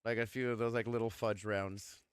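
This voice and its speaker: A man's voice: mid-range voice, level tone, brisk, smooth. A young man streaming, chatting casually and rambling with lots of fillers and the odd swear word.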